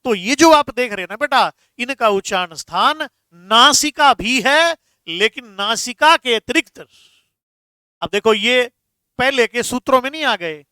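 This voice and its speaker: A man's voice: very high voice, lively intonation, measured pace, bright, forceful tone, clear, resonant tone, no echo, studio quality. A man teaching a Hindi grammar class online, stressing key words and answering viewers' comments.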